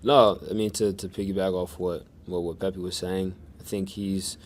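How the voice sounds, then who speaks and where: A man answering questions at a press conference in a monotone, measured way with many restarts. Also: sits low. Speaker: soccer defender at press conference.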